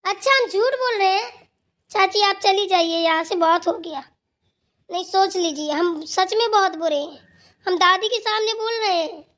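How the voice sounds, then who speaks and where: Woman doing a very high squeaky young bahu in a cartoon, earnest, pleading. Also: moderate pace, a bit bright. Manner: earnest, pleading and defending herself. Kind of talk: cartoon voice acting.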